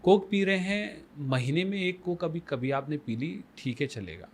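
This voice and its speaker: A guest life coach on a podcast speaks in an animated, slightly high male voice at a normal pace. He blends Hindi and English phrases, pressing his points hard and asking rhetorical questions.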